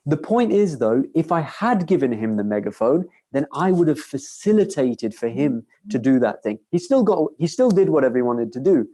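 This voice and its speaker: A man's voice: medium pitch, very animated, moderate pace, few pauses, mellow. A young man answering audience questions in a casual lecture, earnest and conversational, often restarting his sentences.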